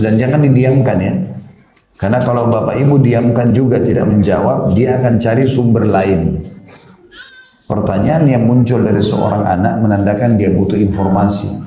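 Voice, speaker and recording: Man, middle-aged, sermon, mellow tone, echoey room. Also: fairly low pitch. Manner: explanatory, acts out questions from parents and children. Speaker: Islamic preacher.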